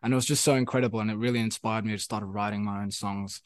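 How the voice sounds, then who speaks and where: A young adult musician guest from South Africa talks fast in a lowish voice with fairly even intonation, and there's no room sound. Speaking English with a South African accent though Afrikaans is his first language, he rambles through a casual interview, repeating himself amid many fillers.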